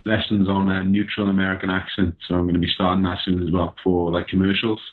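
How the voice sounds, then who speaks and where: A man's voice: low-pitched, level tone, quick pace, phone-quality sound. A young man with a Welsh accent chatting as a guest over a video call, laid-back and hesitant, with many fillers. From Wales. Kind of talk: casual chat.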